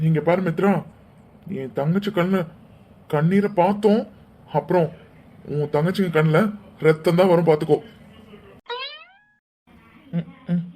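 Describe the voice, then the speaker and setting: A man's voice: fairly high pitch, fairly even intonation, unhurried, long pauses, warm tone, a little hiss or hum. A man voicing a protective brother in a cartoon, scolding and sarcastically threatening the other family. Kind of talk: cartoon dialogue acting.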